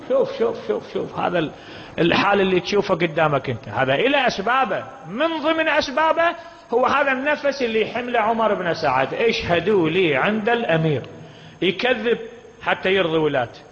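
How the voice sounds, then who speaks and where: A man with an Iraqi Arabic accent delivers an impassioned mourning sermon, his high, slightly bright voice catching in vocal fry as he fires rhetorical questions at the gathering. The recording is dull and reverberant, as if made in a hall.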